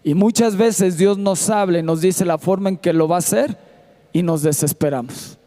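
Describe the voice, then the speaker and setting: A man's voice: high-pitched, normal speed, warm tone. A man preaching a sermon in a church auditorium with a Mexican Spanish accent, sometimes half-singing his lines. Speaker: pastor.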